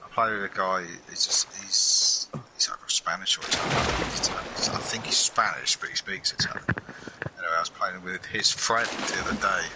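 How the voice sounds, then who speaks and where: A man chatting casually while gaming, laid-back and halting, often breaking off and restarting his sentences. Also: deep voice. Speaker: gamer chatting during play. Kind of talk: casual chat. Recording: noisy voice chat recording.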